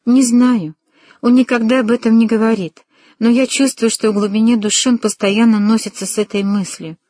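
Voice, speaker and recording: A woman's voice: on the high side, fairly even intonation, normal speed, warm tone, no room sound, clean studio sound, voice pushed up, lightly acted. A woman voicing a timid, fearful young woman in an audiobook, speaking anxiously and pleadingly.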